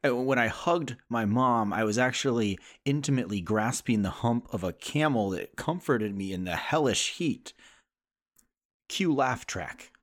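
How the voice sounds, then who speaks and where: A man reading a poem in character as a sarcastic adult male sitcom character, rising in pitch on the refrains. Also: unhurried, lightly acted. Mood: earnest.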